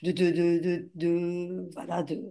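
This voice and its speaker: A woman's voice: fairly low pitch, little pitch movement, slow pace, warm tone. A woman hosting an interview, asking long questions with many hesitations and repeated words. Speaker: interviewer, host.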